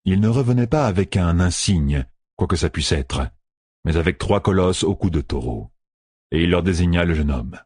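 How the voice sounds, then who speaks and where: A man narrating a fantasy audiobook in an expressive, storytelling manner, close to the mic. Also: deep voice, moderate pace, slightly rough, no echo.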